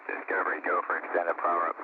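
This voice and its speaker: A man's voice: low-pitched, monotone, quick pace, slightly rough, no echo. A man on the shuttle crew giving clipped, matter-of-fact readbacks over a crackly space-to-ground radio transmission. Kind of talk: procedural radio callouts. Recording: tinny radio link with faint hiss.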